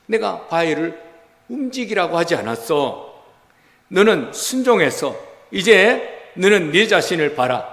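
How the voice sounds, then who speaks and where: A man's voice: high voice, a bit bright, exaggerated voice. A male pastor voicing the Lord in a sermon story, giving firm commands and then reassurance. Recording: reverberant church hall.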